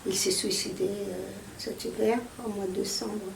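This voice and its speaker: An Egyptian poet is being interviewed casually at an outdoor poetry fair in a city square, her gravelly, medium-pitched voice staying fairly flat at a normal speed. She sounds hesitant, with many fillers and restarts. The recording is echoey and distant, with faint outdoor noise.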